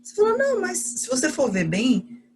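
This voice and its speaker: A woman's voice: sits high, wildly swooping pitch, moderate pace, noisy background. A woman casually and patiently explaining child behavior, with conversational fillers.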